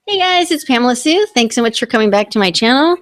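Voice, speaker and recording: A woman's voice: a little high, lively intonation, fast. A woman hosting a live online talk stream, chatting casually and rambling with restarts on a computer mic.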